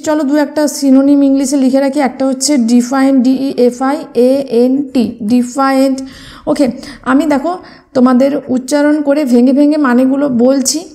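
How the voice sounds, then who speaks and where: A woman with a high, mellow voice teaches exam vocabulary, spelling words letter by letter and asking and answering her own questions. It's an exam prep lesson full of fillers, with English words mixed into her speech.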